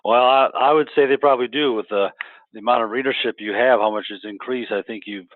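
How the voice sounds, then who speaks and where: A man interviews a guest over a tinny, dry, phone-like line, stumbling constantly with many restarts and repeats. His voice is mid-range, he talks fast, and there's no echo.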